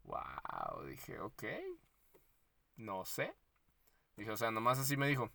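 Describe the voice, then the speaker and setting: A man with a Mexican accent co-hosting a podcast, retelling a story in slangy, animated casual chat and acting out the quotes. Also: mid-range voice, takes it slowly. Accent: Mexican Spanish. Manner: frequent laughs and fillers like "este". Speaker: podcast co-host.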